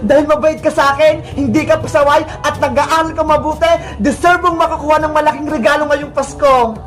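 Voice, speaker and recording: A woman voicing a middle-aged mother in a comedy skit, fast and loud, scolding one moment and loving the next. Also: high-pitched, fairly even intonation, close to an everyday voice. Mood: affectionate. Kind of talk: comedy skit role-play. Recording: echoey room with music behind.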